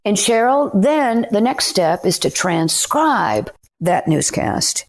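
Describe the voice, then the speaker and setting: A middle-aged woman with a Southern US accent, a guest author telling her story in an interview with emphatic, animated delivery. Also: medium pitch, takes it slowly. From Anderson, South Carolina.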